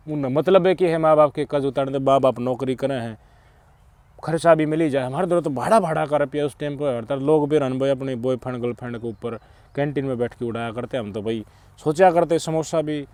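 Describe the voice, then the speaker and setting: This middle-aged channel host, speaking with a Haryanvi accent, offers sermon-like social commentary, veering between loud bursts and quiet muttered remarks. He has a mid-range voice, and no room sound is audible.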